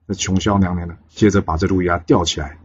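A man telling a legend in a lively way, with exclamations and drawn-out filler particles. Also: deep voice, a little hiss or hum. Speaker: storyteller. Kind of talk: oral storytelling of a legend. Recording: dull lo-fi recording.

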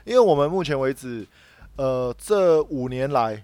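A man with a Taiwanese Mandarin accent chats on a podcast at a mid-range pitch. He rambles and repeats his words as he talks, and the recording is dry and close. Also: animated, unhurried, darkish tone, no room sound, soft background music. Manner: rambling, repeats words while telling a work story. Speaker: podcast co-host. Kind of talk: casual chat.

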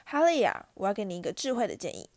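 A woman's voice: medium pitch, wildly swooping pitch, fast talker, darkish tone, dry recording. A woman voicing a vain, self-satisfied male teacher in a storybook reading, cheerful and showy. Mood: showy, jovial.

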